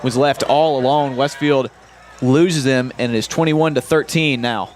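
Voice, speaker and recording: A man with a Southern US accent giving casual color commentary on a high school football game, thinking aloud as plays unfold. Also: unhurried.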